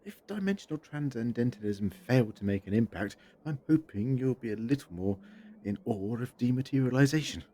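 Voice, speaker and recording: A man's voice: medium pitch, animated, fairly quick, dark tone, lightly acted. A man playing a wry, eccentric alien adventurer in an audio drama, with a theatrical, wordy delivery. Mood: wry, playful. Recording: noisy mix with effects and ambience.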